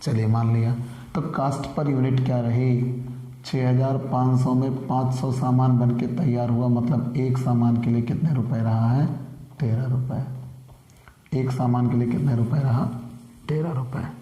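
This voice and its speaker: A man's voice: mid-range voice, level tone, unhurried, dark tone, highs cut off. A man with a sore throat teaching a commerce lesson. He repeats key points and asks questions that he then answers himself. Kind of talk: classroom lecture. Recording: echoey room with long reverb.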